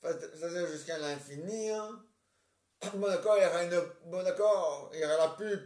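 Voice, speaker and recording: A man talking on his own in a casual, rambling monologue, muttering counts under his breath and clearing his throat between fillers. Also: sits high, moderate pace, darkish tone. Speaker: vlogger. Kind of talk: casual solo monologue to camera. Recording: roomy echo.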